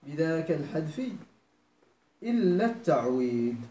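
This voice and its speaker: Moroccan male grammar teacher, middle-aged, animated up-and-down delivery, checks in with the class often, roomy echo. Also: fairly high pitch, unhurried. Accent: Moroccan Arabic. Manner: explains step by step, repeats phrases, checks students' understanding; switches between formal Arabic and Moroccan dialect. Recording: echoey room.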